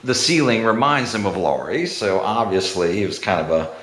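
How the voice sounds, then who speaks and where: A man tells a family story to the camera in a bare room that rings with echo. His voice sits fairly low but swoops around a lot. He rambles, chuckles, and gets animated when he quotes people. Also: normal speed, a little hiss or hum. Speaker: homeowner documenting a room.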